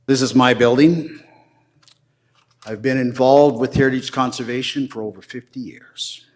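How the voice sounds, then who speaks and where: An older man with a steady, mid-range voice addresses a city council, presenting his case formally with slow, deliberate emphasis.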